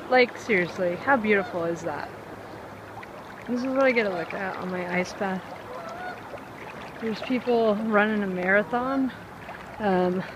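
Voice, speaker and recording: Casual woman vlogger, mid-pitched, chatty and excitable, heavy on fillers, recorded outdoors on a handheld phone with faint background noise. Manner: excitable and upbeat. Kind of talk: casual vlog chat. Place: outdoors by a river.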